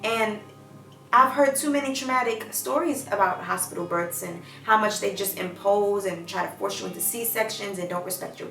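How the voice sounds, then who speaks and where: A woman's voice: medium pitch, gravelly, a bit bright, reverberant, recorded from a distance, poor audio. A woman telling a personal story in a candid, reflective, casual way, with many fillers. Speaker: vlogger.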